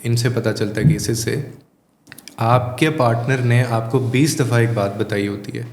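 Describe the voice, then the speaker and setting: A man's voice: medium pitch, steady tone, darkish tone, a little hiss or hum. A man talks as a life coach, laying out his points with emphasis and slipping English phrases in. His voice sits in the middle range. The room rings with a long, roomy echo. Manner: emphatic, explanatory, mixes English phrases into Urdu. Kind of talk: conversational advice in a podcast interview. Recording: echoey room with long reverb.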